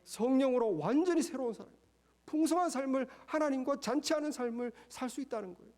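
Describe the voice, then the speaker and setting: A man preaching a sermon as pastor, emphatic and full of rhetorical questions, swinging between raised passages and quiet low asides. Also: fast talker.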